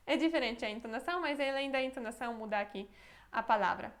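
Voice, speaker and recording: A woman with a fairly high voice teaches a language lesson straight to camera. She works through examples patiently, repeating them and checking in with her viewers. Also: quick pace. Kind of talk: explaining a grammar lesson to camera.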